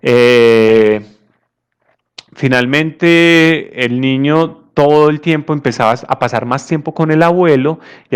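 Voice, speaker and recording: A man, a psychologist, giving a conference talk in a conversational way, often repeating words and telling stories. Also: mid-range voice.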